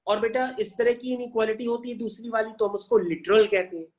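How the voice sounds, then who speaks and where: A man's voice: high-pitched, fairly even intonation, brisk. A male math teacher giving an online lesson, coaxing his students, asking questions aloud and answering them, mixing English math terms into his Hindi.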